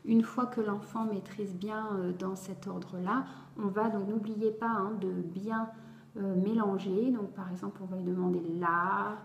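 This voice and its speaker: A woman tutor explaining how to teach a child to read syllables, sounding each one out slowly and clearly and praising often. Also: mid-range voice, fairly even intonation, darkish tone, a little hiss or hum. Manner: slow, carefully articulated syllables, encouraging. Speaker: reading tutor for young children. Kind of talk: instructional video explaining phonics. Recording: roomy echo.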